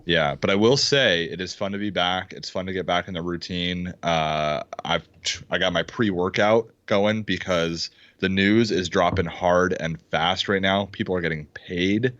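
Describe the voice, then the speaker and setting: A man co-hosting a casual fantasy football podcast over a video call, talking excitedly and pounding the table. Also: low-pitched, a little slow, hardly any pauses, dry recording. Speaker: podcast co-host. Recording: dull, dry lo-fi sound.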